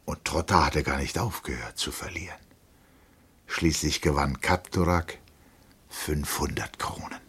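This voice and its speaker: A man reading a novel aloud for radio in a measured, dramatic way. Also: extremely low pitch, fairly bright tone, husky. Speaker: narrator.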